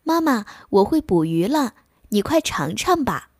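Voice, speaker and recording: A woman's voice: fairly high pitch, very animated, a little slow, dry recording, studio quality, full character voice. A woman voicing a coaxing little duckling. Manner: wheedling, coaxing. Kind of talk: bedtime story narration.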